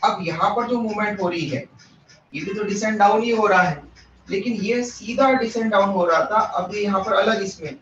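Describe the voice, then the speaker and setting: A man's voice: high-pitched, normal speed, fairly bright tone, slight background noise. A man teaching a biology class in a classroom, explaining step by step, asking his students questions and mixing English terms into his Hindi. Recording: echoey room, distant mic, muffled.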